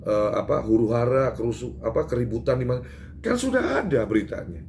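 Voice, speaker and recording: A man's voice: mid-range voice, big pitch swings, fairly quick, darkish tone. An Indonesian man makes an emphatic statement to reporters, his voice rising as he drives each point home. He stumbles over fillers and restarts. A faint noise sits behind him. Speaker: public figure giving a press statement. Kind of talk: doorstop interview with reporters.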